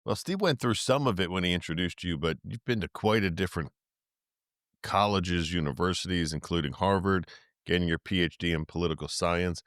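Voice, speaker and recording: A man's voice: sits low, brisk, a bit bright, dry recording, studio quality. An older man co-hosting a podcast, asking questions in an easygoing, conversational way. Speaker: podcast co-host. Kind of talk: casual interview hosting.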